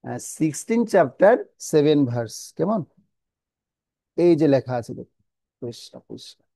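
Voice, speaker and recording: A man teaching a scripture class, chanting verses slowly and then explaining their pronunciation step by step. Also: on the high side, very animated, gravelly, dark tone, dry recording.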